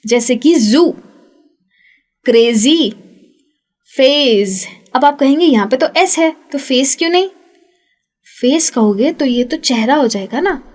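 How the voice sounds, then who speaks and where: High-voiced woman teaching pronunciation. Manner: clear, patient, repeats sounds slowly for practice. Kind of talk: spoken English lesson.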